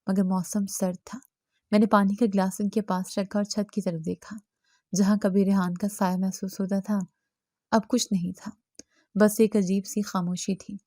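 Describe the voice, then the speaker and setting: A woman's voice: mid-range voice, dark tone, no echo, studio quality. A woman telling a first-person horror story in an earnest, tense manner.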